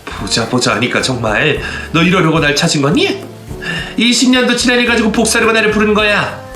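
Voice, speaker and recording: A man puts on a scornful middle-aged mother with a high, bright, sneering voice. She talks down to everyone with cold contempt. The audio-drama reading is roomy, with faint music underneath. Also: exaggerated voice.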